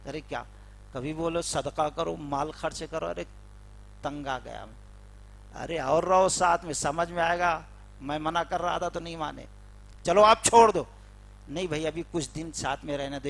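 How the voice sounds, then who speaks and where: A man with a high, bright voice delivers a mosque sermon as a dramatic story. He acts out the dialogue between characters and climbs to loud, emphatic peaks. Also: creaky. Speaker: preacher.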